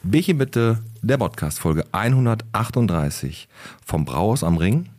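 A man co-hosting a podcast, reading the sponsors and trading quick comebacks in casual chat. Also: lowish voice, very animated, darkish tone. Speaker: podcast co-host.

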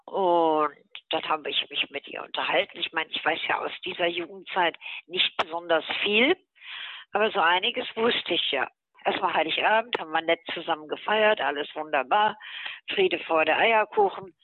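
A woman's voice: mid-range voice, no room sound. Older woman on a tinny phone line. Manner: blunt, chatty storyteller with many fillers and tag questions. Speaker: interview guest, mother. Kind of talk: recounting memories in a podcast interview.

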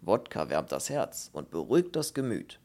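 Man doing a courteous Russian with a bass voice. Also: normal speed. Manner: polite, calm, formal.

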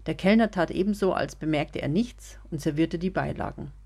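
A woman narrating a serialized German audio story in a calm, even reading voice. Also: sits low, moderate pace. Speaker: podcast storyteller.

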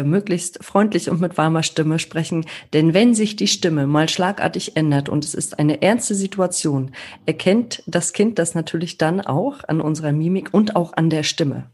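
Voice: mid-range voice, darkish tone, slightly rough. A podcast host who is a parent, asking follow-up questions and summing up the guest's points. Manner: asks follow-ups, sums up guest's points. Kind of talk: interview questions and summaries.

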